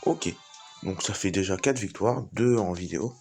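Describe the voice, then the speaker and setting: A man's voice: deep voice, moderate pace, creaky, a little mellow, faint music behind. A man giving casual, informal live commentary on a game as he plays, thinking aloud. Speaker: gaming video host.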